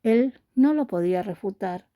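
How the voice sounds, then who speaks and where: A woman calmly narrating a romance novel aloud in a steady audiobook reading. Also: mid-range voice, moderate pace, dry recording, dull audio. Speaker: storyteller.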